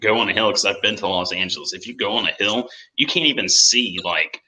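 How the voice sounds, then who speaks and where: A man's voice: fairly low pitch, a little fast, pushed and bright, poor audio. A man co-hosting a casual livestream, jokey and sarcastic, with many fillers.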